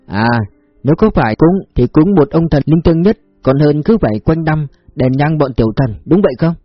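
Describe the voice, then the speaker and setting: A man's voice: fairly high pitch, animated, normal speed, no echo, muffled recording, soft background music. A man reading a story, voicing a crude, drunken secret police man who talks coarsely. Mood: prying. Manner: slurred, coarse.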